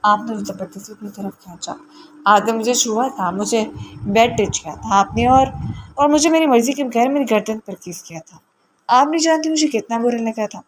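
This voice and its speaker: A woman's voice: fairly high pitch, slight background noise, natural voice. A woman reading the part of a frightened young wife who pleads and accuses through tears. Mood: accusing.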